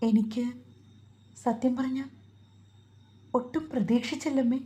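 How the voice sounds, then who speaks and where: A woman voicing a shy, tearful young wife who speaks softly and hesitantly. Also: sits high, steady tone, a little slow, pitched above the performer's own voice.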